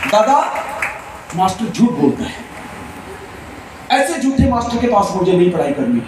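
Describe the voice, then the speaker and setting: A man plays a young schoolboy griping to his grandfather, his high voice sharp with indignation. It carries from a distance through a strongly echoing hall, with an audience murmuring behind. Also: sing-song, moderate pace. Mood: indignant. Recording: echoey hall, distant mic, crowd noise.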